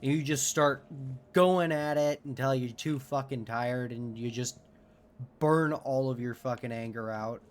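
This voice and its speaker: A man's voice: medium pitch, a little slow. A man giving casual gameplay commentary as a streamer, candid and swearing a lot. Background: game music.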